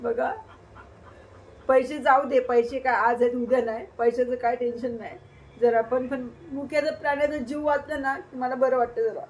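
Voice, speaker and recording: A woman from Maharashtra vlogging casually to her viewers and her small daughter, tearful and cooing in soft sing-song baby talk. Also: sits high, fairly even intonation, normal speed, rough recording. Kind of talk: casual vlog talking to viewers and her child.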